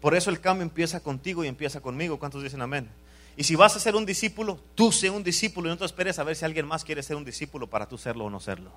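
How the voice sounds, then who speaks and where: Pastor, fairly high voice, lively preaching that rises to loud calls and drops to quiet asides. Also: male voice, fast talker. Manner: repeated "amén" calls to the congregation. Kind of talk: sermon.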